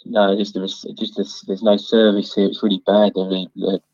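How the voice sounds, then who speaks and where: A laid-back man rambles on a mobile call whose signal keeps breaking up. His voice sits low and dry, muffled by the dull, lo-fi phone line. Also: flat delivery, moderate pace, a little mellow, no room sound. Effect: phone line with patchy signal breaking up. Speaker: guest calling in, gardener. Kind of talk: casual chat.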